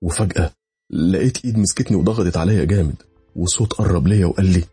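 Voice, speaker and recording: A man with an Egyptian Arabic accent narrating a first-person horror story in a rushed, tense way. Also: low voice, warm tone, breathy edge, soft background music.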